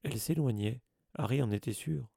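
Gravelly man narrating an audiobook. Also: mid-range voice, mellow, no echo, studio quality. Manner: measured, storytelling reading.

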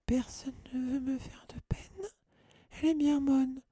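A man voicing the touchy ghost of a teenage girl in an audiobook, wailing in a high, sobbing lament. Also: very animated, normal speed, gravelly, dark tone, slightly rough, no echo, clean studio sound, heavily acted. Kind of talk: audiobook character voice.

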